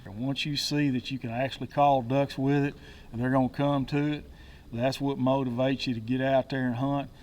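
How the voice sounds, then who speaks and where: Male instructor, medium pitch, folksy and plain-spoken, teaching outdoors, somewhat distant mic. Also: flat delivery, normal speed, a little mellow. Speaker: duck calling instructor. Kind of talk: instructional talk with demonstrations. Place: outdoors, woods by water.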